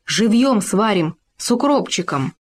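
A woman voicing a gluttonous, eager and cowardly male gopher who chatters quickly in a children's story. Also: medium pitch, lively intonation, husky. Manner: fast chattering.

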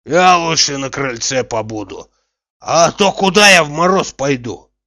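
A man voicing a lazy, stubborn old male servant who grumbles slowly. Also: fairly high pitch, expressive, bright, forceful tone, pitched above the performer's own voice. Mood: grumbling. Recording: dull, dry recording.

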